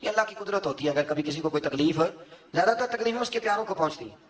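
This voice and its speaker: Chuckling preacher, high voice. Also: male voice, lively intonation. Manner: storytelling with frequent chuckles; mixes in recited verse and couplets. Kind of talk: sermon.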